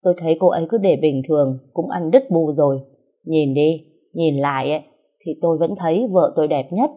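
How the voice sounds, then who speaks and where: A woman's voice: low-pitched, brisk, warm tone. A woman voicing an exasperated young husband who grumbles wearily. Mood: smirking. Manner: grumbling, weary.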